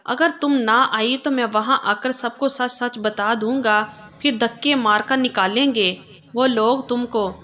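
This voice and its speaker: A scheming father hisses his threats in a storybook tale, as a woman narrator puts him on. His menace comes through in a voice that stays somewhat high. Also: bright, forceful tone. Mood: threatening.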